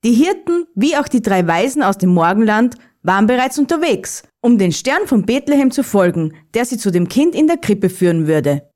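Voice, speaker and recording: A woman narrating a Christmas children's story in a calm, even reading voice. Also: fairly high pitch, normal speed, few pauses.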